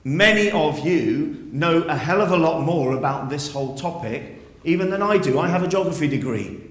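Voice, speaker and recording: Earnest headmaster in an echoey hall. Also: male voice, a little high, lively intonation, moderate pace. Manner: earnest, persuasive, rhetorical questions. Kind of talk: school assembly speech. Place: school hall.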